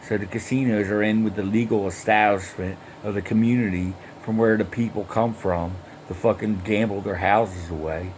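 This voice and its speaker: A man's voice: fairly low pitch, fairly even intonation, normal speed, few pauses, darkish tone, slight background noise. A man telling a rambling first-person story, swearing constantly and restarting his sentences again and again. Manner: heavily profane, rambling, with frequent restarts and fillers.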